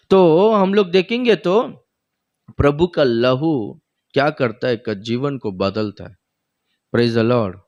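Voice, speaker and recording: A male pastor from India preaching a sermon, retelling stories with quoted dialogue and breaking into exclamations of praise. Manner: preaching with sudden rises in pitch and frequent praise exclamations.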